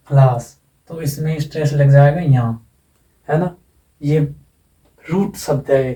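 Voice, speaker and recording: A man teaching English phonetics in a slow classroom lecture, repeating words and checking that students follow. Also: a little high, warm tone. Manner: explains slowly with repetition and asides. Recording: echoey room, from far off.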